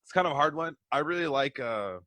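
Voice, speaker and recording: A man's voice: fairly high pitch, animated, fast talker, bright, forceful tone, no echo. A man chatting casually as a podcast guest, rambling through stories with a self-deprecating streak. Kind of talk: casual chat.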